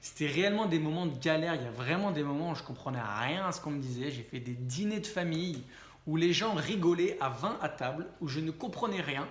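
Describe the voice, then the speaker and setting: A man's voice: on the high side, expressive, brisk. Chatty French man in an echoey room. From France. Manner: chatty, with frequent fillers and self-corrections. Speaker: vlogger and speaking coach. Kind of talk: casual talk to camera.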